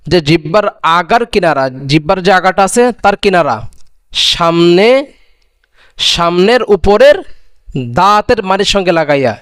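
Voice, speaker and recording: Male Quran teacher, high voice, unhurried drilling, dry close recording. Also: smooth, no room sound. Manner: drills each letter twice, stretching the sound, then asks and answers his own questions. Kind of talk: slow recitation lesson on Arabic letter sounds.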